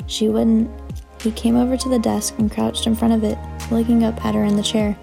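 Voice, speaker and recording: A woman reading a novel aloud in measured, dramatic storytelling. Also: on the high side, level tone, vocal fry, dark tone, faint music behind. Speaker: audiobook narrator. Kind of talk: scripted narration.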